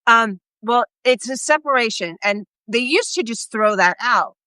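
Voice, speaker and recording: A woman's voice: on the high side, animated, unhurried, bright, forceful tone, no echo. Chatty woman on a live video call. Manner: chatty, rambling with restarts. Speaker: guest speaker on health. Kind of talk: casual live video chat.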